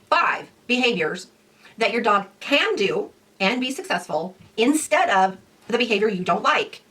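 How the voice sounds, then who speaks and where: A woman dog trainer giving a casual lesson, lively, acting out owners and dogs in quick quoted voices. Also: medium pitch, distant mic. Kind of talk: casual instructional talk.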